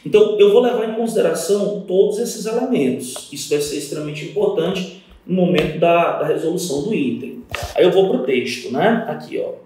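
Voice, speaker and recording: In a very echoey room, a literature teacher with a Brazilian Portuguese accent records an exam-prep poetry lesson, counting lines and syllables aloud and answering questions he imagines his students asking. His voice sits high and is expressive, fairly quick and dark. The mic is distant, with a little hiss or hum.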